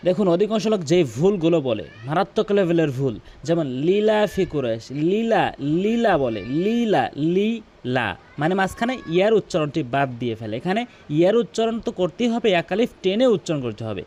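A man teaching tajweed, demonstrating correct Quran recitation and repeating words slowly to show the right and wrong pronunciation. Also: high voice, sing-song, a little mellow. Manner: drawn-out melodic recitation in demonstrations.

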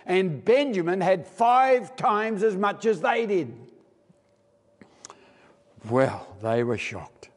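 An Australian man preaching a storytelling sermon, acting out the characters' lines and slowing down for emphasis. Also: sits high, sing-song. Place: church hall. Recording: long church hall reverb.

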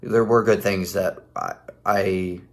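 Low-voiced man giving sarcastic commentary. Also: fairly even intonation, takes it slowly, gravelly. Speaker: host of a commentary video. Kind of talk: casual critical commentary. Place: living room at home.

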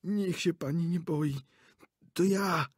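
A man's voice: on the high side, slow, breathy edge, no room sound, clean studio sound, voice pushed up. A man voicing a cowardly old theatre director who pleads in a trembling, lisping whisper. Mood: pleading.

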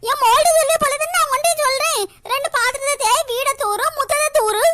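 A bitter, quarrelsome old mother-in-law voiced by a woman scolds in a very high, piercing cartoon voice. Her bright, sharp tone carries sarcasm and self-pity as she nags her daughter-in-law. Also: fast. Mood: scolding. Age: older. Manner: scolding, sarcastic, breaks into crying. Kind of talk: cartoon comedy voice acting.

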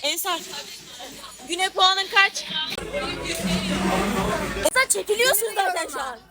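A woman's voice: very high voice, animated, slow pace, loud music behind the voice. A woman hosting a casual vlog of a group outing, chatting and putting questions to her friends. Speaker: vlog host filming a motorcycle group outing. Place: outdoors at a group outing, later a cafe. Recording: noisy outdoor group chatter.

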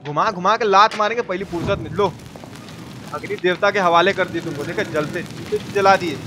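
A brisk man with a high-sitting voice delivers foul-mouthed, informal live gameplay commentary, talking to viewers and shouting out chat members. Clear background noise and video game ambience can be heard.

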